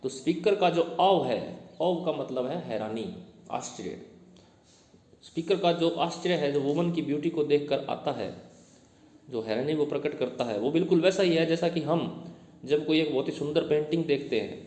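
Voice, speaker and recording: A man's voice: a little high, a little mellow. Man teaching in an echoey classroom. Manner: reads English text slowly, then explains it in Hindi; quizzes students as he goes. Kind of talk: classroom lecture. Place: classroom with students. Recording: echoey room with long reverb.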